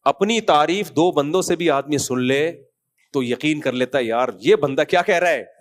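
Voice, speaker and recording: Storytelling male preacher, slightly high voice. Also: moderate pace. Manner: storytelling, acts out dialogue in different voices, chuckles. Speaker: Islamic scholar giving a talk. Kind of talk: conversational religious talk with anecdotes and jokes.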